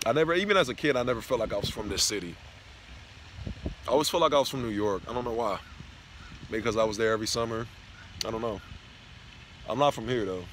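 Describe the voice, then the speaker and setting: Outdoors on a college campus, a young adult man from Knoxville, Tennessee, rants loosely and swears freely into a phone held at arm's length. His medium-pitched, slightly bright voice comes fast, broken by long pauses. The recording is rough, with clear background noise in the outdoor phone audio.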